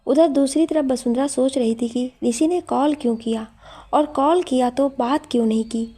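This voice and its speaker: A woman narrating a scripted story in a calm, steady manner. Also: high-pitched, moderate pace, slightly rough.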